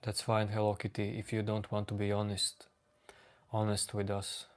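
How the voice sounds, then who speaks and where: Calm flat-voiced man with a Latvian accent. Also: on the low side. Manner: slow, calm, reading out chat names. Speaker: livestream host. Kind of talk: casual chat with live chat readers.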